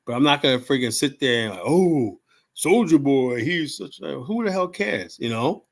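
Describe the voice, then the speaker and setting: This creaky, medium-pitched voice has lively intonation and a moderate pace. It belongs to a livestream host in his seventies talking casually in a monologue, rambling, blunt, swearing freely, and tagging lines with "you know?"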